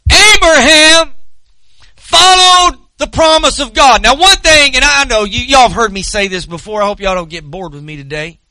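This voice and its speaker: High, bright-voiced Southern preacher man. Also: normal speed, no echo, poor audio. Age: 40s. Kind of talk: impassioned sermon with storytelling.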